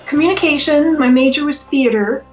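A woman chats in a friendly way as a podcast guest, her voice sitting a little high. Faint music plays in the background. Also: moderate pace, rough recording. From Minnesota. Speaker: guest author. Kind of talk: casual interview chat.

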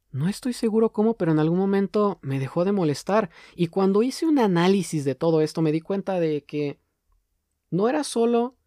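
Mellow-voiced man musing aloud. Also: sits high, no room sound, clean studio sound. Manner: thoughtful, poses many rhetorical questions; slows down to stress key words. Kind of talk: reflective monologue.

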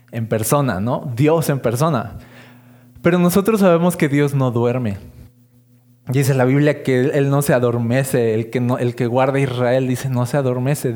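A man preaching a sermon in a conversational way, slowing down for the lines he quotes. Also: mid-range voice, darkish tone.

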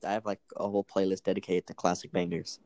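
A man's voice: low voice, level tone, quick pace, vocal fry, darkish tone, no echo. Young man, casual chat, playful, slangy, teasing, dry sound.

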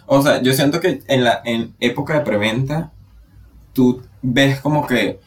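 A Venezuelan man trades banter as co-host of a relaxed podcast. He talks in an animated, theatrical way and slips into the voices of the people he quotes. His voice sits at an ordinary middle pitch. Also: measured pace, slight background noise. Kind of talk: casual chat.

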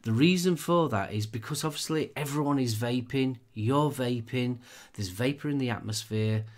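A man's voice: medium pitch, normal speed. A man, co-hosting a casual podcast chat, chatty and laughing often as he gives practical advice. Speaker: co-host.

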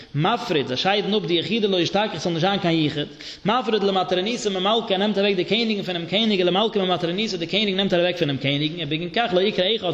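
A man's voice: sits high, a bit bright. A man, a rabbi teaching a Talmud class in a singsong study chant, on a dull, echoey recording. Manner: singsong study chant, mixing Hebrew and Aramaic terms. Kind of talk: Yiddish Talmud lecture.

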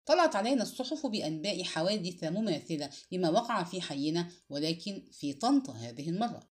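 Woman reading a crime novel aloud, dramatic, pitch all over the place. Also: a little fast. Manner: expressive, dramatic storytelling. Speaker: narrator. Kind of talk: dramatic audiobook narration.

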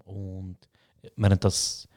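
A young man from Switzerland, co-hosting a casual podcast chat, telling stories in slangy, animated speech. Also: deep voice, slow. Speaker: podcast co-host.

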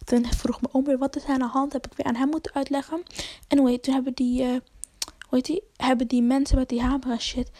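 A woman's voice: high voice, level tone, fast talker, dark tone, no echo, studio quality. A young woman telling a rambling, slangy story to camera, full of fillers and swearing. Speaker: vlogger.

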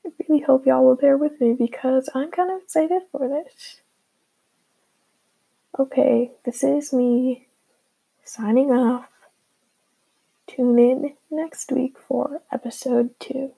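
A teenage girl chatting casually and hesitantly as a beginner solo podcast host, with lots of filler words, recorded on a low-quality earbud microphone. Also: steady tone, slow, creaky, long pauses, dark tone, slightly rough. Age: teenager, fifteen. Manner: informal, hesitant, heavy filler "like".

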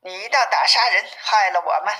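A woman's voice: mid-range voice, normal speed, pushed and bright, close to an everyday voice. Woman reading as weary, pleading suffering monks. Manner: pleading, lamenting. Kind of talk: storybook reading. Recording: narrow phone-like sound.

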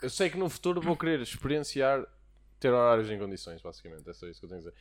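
Young male podcast co-host, European Portuguese accent, mid-pitched, fast, slangy and repetitive for emphasis. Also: very animated. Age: young adult. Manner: slangy, repeats words for emphasis. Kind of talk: casual podcast chat among friends.

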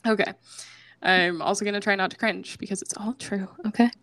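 A woman's voice: medium pitch, fairly even intonation, a little fast, fairly bright tone, dry recording. A young woman co-hosting a casual podcast chat, giggly and self-conscious, reading aloud with feeling. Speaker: podcast co-host.

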